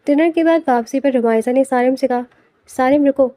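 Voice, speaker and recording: A woman narrating a romance novel as an audiobook in a steady, even reading. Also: sits high, no echo.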